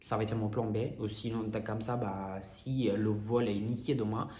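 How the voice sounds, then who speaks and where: In an echoey room, a young man talks in a hoarse, cracked, strained voice. He rambles casually and candidly, dramatic and slangy, like a vlogger telling a storytime. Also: on the low side, steady tone, a little fast, dark tone. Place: indoors in an apartment.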